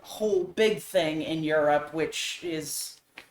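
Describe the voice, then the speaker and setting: A woman co-hosting a casual political podcast, reading quotes aloud with animated emphasis. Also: deep voice, slow, a little hiss or hum. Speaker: podcast co-host. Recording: roomy echo.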